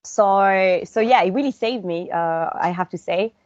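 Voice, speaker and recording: A woman's voice: mid-range voice, unhurried, darkish tone, no echo. Chatty young woman on a lo-fi call. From born in France, raised in Brussels. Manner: chatty, laughs often, many "like" fillers. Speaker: guest, actress and director. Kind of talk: casual interview conversation. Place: at home.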